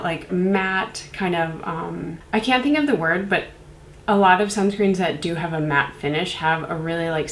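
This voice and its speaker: A woman's voice: on the low side, echoey room, slight background noise, rough recording. A young woman with a congested voice from a cold, chatting casually and rambling with many fillers as she reviews skincare. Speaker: beauty reviewer. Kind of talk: casual product review vlog.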